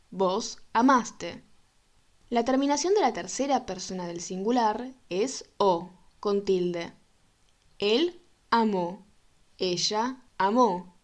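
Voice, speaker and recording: A woman narrating a scripted language lesson, reading example forms slowly and with careful enunciation. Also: medium pitch, a little mellow. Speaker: Spanish teacher.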